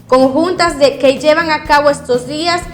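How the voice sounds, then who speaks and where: A woman news anchor reading scripted headlines in a formal, crisp way. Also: high voice, moderate pace, soft background music.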